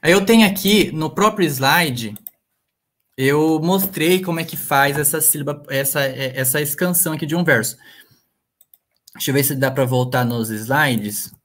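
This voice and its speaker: Halting male professor lecturing online. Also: a little high, fairly bright tone. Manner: hesitant, full of fillers and restarts. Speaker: literature professor.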